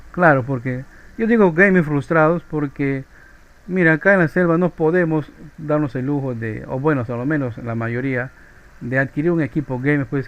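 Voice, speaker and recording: In a loose, chatty physics lecture, a man from Peru speaks with a Peruvian Spanish accent and a medium-pitched voice, frequently tagging his phrases with a question. The low-quality recording has a little hiss or hum.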